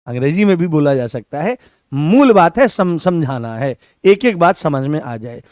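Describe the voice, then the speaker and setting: A high-pitched man teaches a Hindi lesson, repeating key terms and firing questions back at his students. The sound is dry and close, with chatty folksy asides between the drills. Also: big pitch swings, normal speed, darkish tone, no room sound. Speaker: Hindi teacher for exam prep. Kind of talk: classroom lecture.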